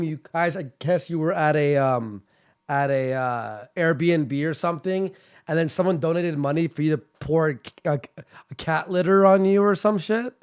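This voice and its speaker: A man hosting a casual chat show, asking quick, stumbling questions with frequent restarts. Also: a little high, clean tone. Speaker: podcast host.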